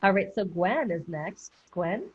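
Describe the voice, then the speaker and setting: Over dull, muffled video call audio, a woman with a lowish, expressive, breathy-edged voice speaks a little slowly. She's a business mentor leading a group coaching call, offering chatty, upbeat feedback and revising her thoughts as she goes.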